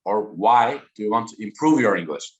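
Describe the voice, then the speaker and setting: Slow-speaking Turkish man in his thirties. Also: lowish voice, lively intonation, lo-fi sound. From Turkey. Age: 30s. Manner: slow, deliberate and interactive. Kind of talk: online talk to students. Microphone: video call.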